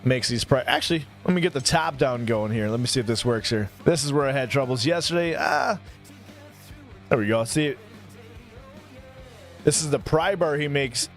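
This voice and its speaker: He speaks at normal speed in a medium pitch but pauses often. A man in his mid-thirties rambling casually on a live stream, he names and thanks his viewers, and faint music sits underneath.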